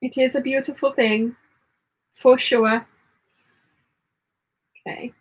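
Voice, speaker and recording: Slightly husky, higher-pitched woman chatting while sewing. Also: fairly even intonation, slow pace, low-quality recording. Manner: muttering commentary while working; reads chat messages aloud. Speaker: sewing livestream host. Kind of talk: casual live sewing chat, talking through the work.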